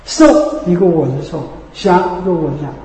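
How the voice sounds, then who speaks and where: A man delivers a Buddhist sermon in a high-pitched, mellow voice, speaking a little fast. He repeats himself and asks rhetorical questions to make sure listeners follow, and the recording carries an echoey hall reverb.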